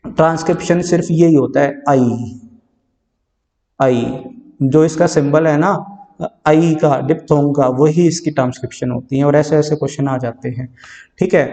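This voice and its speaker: A man's voice: fairly high pitch, warm tone. A male exam-prep English teacher giving a lecture, repeating sounds over and over and correcting pronunciation. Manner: repetitive drilling, modelling sounds and correcting pronunciation. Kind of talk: classroom lecture. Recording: distant, dull, long-reverb room.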